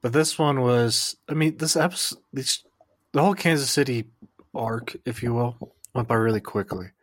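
A man co-hosting a casual podcast, recapping plot events in plain, steady summary. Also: mid-range voice, moderate pace, dry recording. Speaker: podcast co-host. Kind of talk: casual chat.

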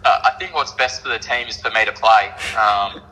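An Australian man answering interview questions as a team captain in casual, cocky, deadpan chat. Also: fairly low pitch, normal speed, big-room sound, low-quality recording.

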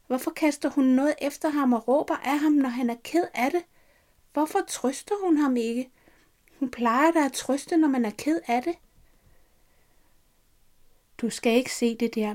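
A woman reads her own story aloud in the first person. Her voice sits a little high, and her delivery is soft, unhurried and intimate, like careful scripted narration.

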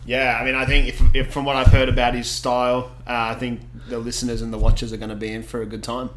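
A man's voice: mid-range voice, completely flat delivery, fast talker, a bit bright. A man co-hosting a casual podcast chat, talking in a laid-back, rambling way and laughing easily. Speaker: podcast co-host.

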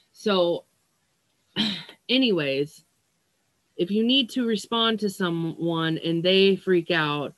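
A woman's voice: low voice, a bit bright, dry recording. A woman healer giving a casual oracle card reading to her viewers, blunt and profane, yawning and sighing, stumbling over words as she reads the card text. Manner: blunt and profane, with frequent yawns and sighs.

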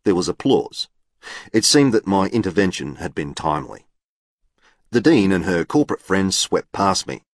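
Male audiobook narrator, very low voice, formal and deadpan first-person reading. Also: moderate pace, no echo, clean studio sound.

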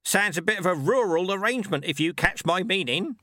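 A man's voice: high voice, expressive, brisk, bright, forceful tone, no room sound, clean studio sound, pitched above the performer's own voice. A man voicing a nosy talking raven who asks sly, insinuating questions.

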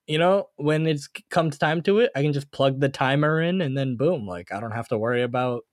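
A man's voice: medium pitch, brisk, dry recording, studio quality. A man co-hosting a podcast in casual chat, talking in a slangy, rambling way. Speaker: podcast co-host.

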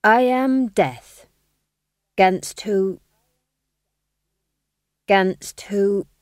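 A woman's voice: mid-range voice, no echo, clean studio sound. A woman doing a flustered boy actor. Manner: halting, stumbling. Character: flustered boy actor fumbling his lines.

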